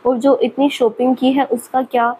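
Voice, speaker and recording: A teasing young male professor with a light, higher voice , played by a woman reading a storybook. He is playful and mischievous, always poking fun with a grin in his words. Faint background hiss sits under the voice. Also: level tone, normal speed, warm tone, natural voice, rough recording. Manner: teasing, laughing at her.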